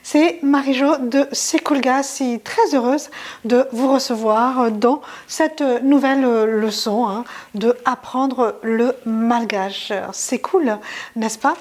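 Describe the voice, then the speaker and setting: Casting: woman language teacher, slightly high voice, unhurried, chatty with lots of filler. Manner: chatty, many fillers and restarts. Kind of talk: casual video lesson.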